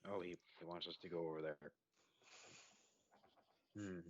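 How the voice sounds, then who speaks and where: A man playing his character in a tabletop game, gruff and stubborn. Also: low voice, fairly even intonation, normal speed, muffled recording, slight background noise. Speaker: player. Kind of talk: in-character tabletop role-play.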